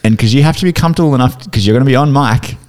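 A man co-hosts a podcast in easy, rambling banter. He chuckles often and wanders through his sentences. His pitch sits in the middle range for a man. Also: very fast, darkish tone. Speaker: podcast co-host.

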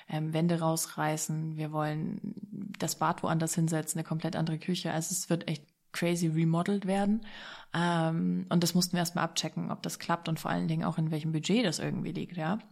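A woman with a lowish voice and a gravelly, creaky edge tells a personal story. She talks casually and with excitement, sprinkling English words through her sentences. Her telling stays loose and animated.

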